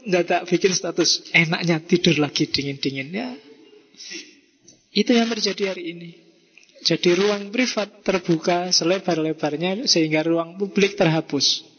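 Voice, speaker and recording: A man with a Javanese accent giving a lively philosophy lecture to students, mixing in Javanese phrases and acting out quoted messages. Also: sits high, highs cut off, slight background noise. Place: mosque hall. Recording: reverberant hall.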